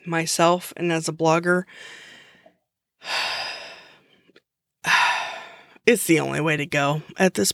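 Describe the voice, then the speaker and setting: A woman's voice: lowish voice, a bit bright, dry recording, studio quality. A woman hosting her own podcast, explaining a tool in a chatty, unscripted way with frequent restarts. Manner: chatty, restarts often, uses fillers. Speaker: podcast host. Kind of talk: casual solo podcast explainer.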